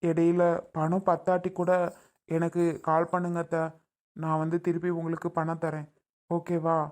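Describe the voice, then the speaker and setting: A woman playing a kind young man who gently coaxes his aunt in a family drama skit. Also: lowish voice, monotone, moderate pace, close to an everyday voice. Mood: coaxing. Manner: gentle, coaxing.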